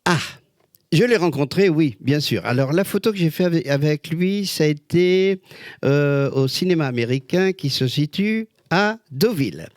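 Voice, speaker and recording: An older man, a guest, telling lively anecdotes with exclamations and quick voice changes. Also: fairly high pitch, no echo, clean studio sound. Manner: expressive storyteller, many voices and exclamations. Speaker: guest, celebrity lookalike. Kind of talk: animated anecdotal chat.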